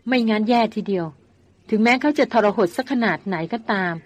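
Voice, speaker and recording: A woman's voice: on the high side, animated. A woman reading as a bossy young woman doctor. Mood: worried. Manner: scolding, quick-tongued.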